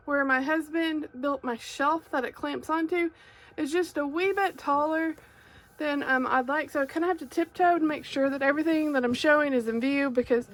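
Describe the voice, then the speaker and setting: A woman with an Arkansas Southern accent chats casually and a little hesitantly as she hosts an unboxing video, recorded on an overhead phone. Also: high voice. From Arkansas, United States. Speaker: craft creator, unboxing host. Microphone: phone mounted overhead on a clamp.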